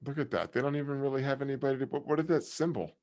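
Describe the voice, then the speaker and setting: A man's voice: mid-range voice, racing, darkish tone. A man co-hosting a show, making crude laughing commentary on video chat strangers. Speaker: podcast co-host. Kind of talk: crude casual banter.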